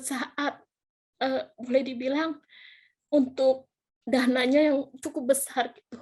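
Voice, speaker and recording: A middle-aged woman shares her testimony in an interview, speaking. Her voice sits high and carries a husky edge. She sounds earnest and thankful throughout. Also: darkish tone. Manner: earnest, grateful, fillers of gitu. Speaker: testimony guest.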